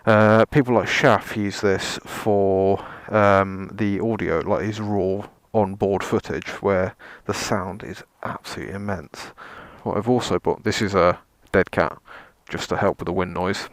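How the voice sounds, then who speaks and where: Low-voiced man vlogging casually. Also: fairly even intonation, measured pace, hardly any pauses, no echo. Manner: rambling, self-deprecating, dry sarcasm, mild swearing. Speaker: motovlogger, presenter. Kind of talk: casual vlog gear demonstration.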